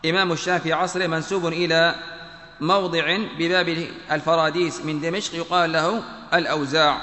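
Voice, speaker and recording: Male teacher, fairly high and bright voice, measured and exacting delivery, reverberant hall. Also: little pitch movement. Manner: measured, pedantic spelling out of vowels, repeats phrases when correcting. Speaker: teacher reading a text aloud. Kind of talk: classical text reading with commentary. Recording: echoey room with long reverb.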